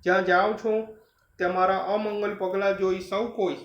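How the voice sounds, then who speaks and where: A man's voice: high-pitched, level tone, moderate pace, fairly bright tone. A man voicing a sorrowful pleading queen. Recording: roomy, slightly dull recording.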